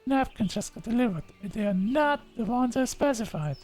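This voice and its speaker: A man's voice: extremely high pitch, lively intonation, normal speed, a little mellow, voice pushed up. A man voicing a fussy, frantic woman who calls out in a rush from down the hall in a game. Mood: urgent.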